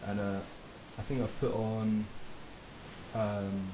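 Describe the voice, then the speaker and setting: A man's voice: lowish voice, takes it slowly. A man hosting a podcast as a personal trainer, talking casually and laughing easily, with the odd swear. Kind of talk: casual chat. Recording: roomy with steady hiss.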